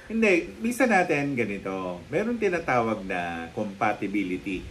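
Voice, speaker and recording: A man chatting casually as a guest on a live talk show, telling lively anecdotes and acting out the people in them. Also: lowish voice, normal speed, slight background noise, rough recording. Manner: lively storytelling, acting out quoted people, frequent laughs. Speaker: guest storyteller, psychic. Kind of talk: casual chat, animated anecdotes.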